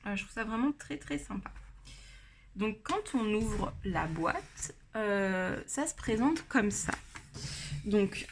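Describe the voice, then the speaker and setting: A French woman giving a casual review of colored pencils, pausing often with fillers and restarting her sentences. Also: mid-range voice, expressive, vocal fry, a little hiss or hum. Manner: hesitant, many fillers and restarts. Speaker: art supply reviewer.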